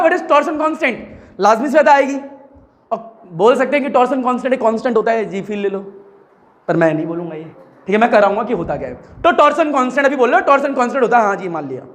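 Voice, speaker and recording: Guy teaching physics, really high voice, dictates notes, keeps asking the class to repeat. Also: a bit bright. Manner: chatty, repeats key words, prompts students to answer.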